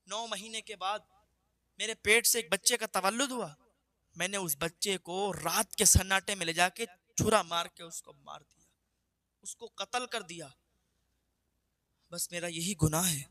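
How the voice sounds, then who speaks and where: A grief-stricken woman confesses and begs for mercy in a hushed, pleading voice, as a male storyteller puts her on. The tone is bright and high, and the voice sounds close and dry. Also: long pauses, no room sound. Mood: tearful pleading. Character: remorseful sinful woman begging forgiveness.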